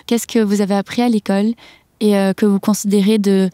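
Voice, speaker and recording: A young adult woman hosting a podcast, reading a scripted introduction and asking interview questions in a measured, careful way. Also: medium pitch, flat delivery, warm tone, no room sound, studio quality. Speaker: podcast host.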